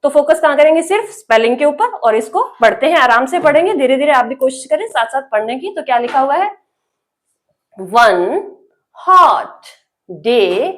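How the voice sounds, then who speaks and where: A woman's voice: high voice, animated, quick pace, few pauses. A woman teacher, spelling English words letter by letter and reading them out for learners. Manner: spells letter by letter, then says the word, asks the viewer.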